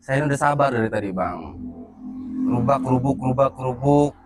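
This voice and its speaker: A man acting in an amateur skit as a calm hero who stands up to a thug, teasing him and laughing at him. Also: medium pitch, moderate pace, soft background music. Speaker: skit lead and channel host.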